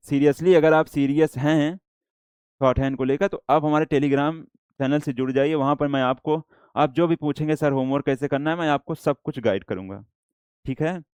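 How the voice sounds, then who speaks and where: A man with an Indian accent teaching a shorthand class, explaining slowly and repeating himself, mixing English words into Hindi. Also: fairly high pitch, a little mellow, clean tone, no echo. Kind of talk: classroom lecture.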